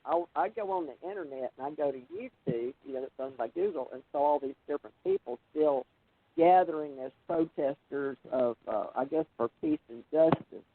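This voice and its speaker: A woman's voice: low voice, moderate pace. An older woman hosting a radio show, rambling and losing her thread, over a bad phone connection that keeps cutting out. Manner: rambling, loses her thread mid-sentence. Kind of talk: rambling casual radio talk. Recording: tinny dry phone line.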